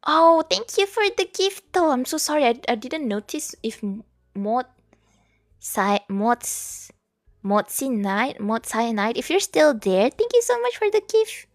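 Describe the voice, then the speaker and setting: A woman's voice: sits high, very animated, measured pace, no room sound, clean studio sound. A young Malaysian woman streaming while she studies, chatting casually with viewers and reading their messages aloud. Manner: chatty, mixes English and Malay, reads chat aloud. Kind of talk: casual study stream chat.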